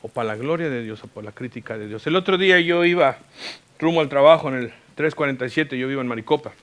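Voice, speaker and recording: A man preaching a sermon as a pastor, telling a personal story with English words mixed in, moving between loud and hushed delivery. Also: medium pitch, quick pace. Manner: mixes English words into Spanish. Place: church.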